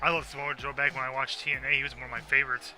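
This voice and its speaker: A man's voice: medium pitch, level tone, very fast, music in the background, rough recording. A man co-hosting a wrestling video game stream, joking around and swearing freely in casual commentary. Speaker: co-host and player.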